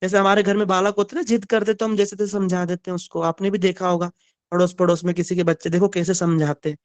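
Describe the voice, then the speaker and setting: Man, devotional storytelling sermon, animated, high pitch, dry close sound. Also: fast talker, no echo. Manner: animated storytelling, asks the audience. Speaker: spiritual storyteller.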